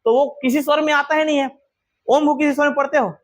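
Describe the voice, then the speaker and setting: High-voiced man teaching a class. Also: fairly even intonation, fast. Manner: quizzing students with repeated questions. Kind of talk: classroom grammar lesson.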